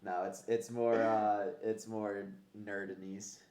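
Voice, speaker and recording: A man's voice: on the low side, little pitch movement, takes it slowly, darkish tone, a little hiss or hum. A man hosting a casual fitness podcast, talking conversationally with gym-bro slang and casual swearing. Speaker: podcast host. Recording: roomy, echoey sound.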